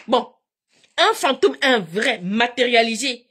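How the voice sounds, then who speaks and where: A woman chatting casually to her live viewers, telling stories in an animated, repetitive way and addressing them directly. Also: on the high side, slow, breathy edge.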